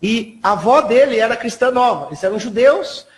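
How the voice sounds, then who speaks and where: Male guest historian from São Paulo, fairly high voice, soft measured explainer. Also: lively intonation. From São Paulo, Brazil. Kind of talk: TV interview guest. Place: TV studio.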